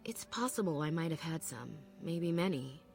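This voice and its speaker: Game elf apprentice, female, proud and measured; low, husky, gravelly, faint music under. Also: animated, heavily acted. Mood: solemn. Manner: measured, solemn, reflective.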